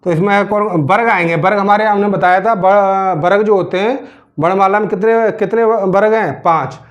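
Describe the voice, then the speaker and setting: A man's voice: high voice, fairly even intonation, moderate pace. A male teacher giving a grammar lesson, asking questions and answering them himself, often checking in with his students. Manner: keeps checking in with "theek hai na". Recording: dull lo-fi recording.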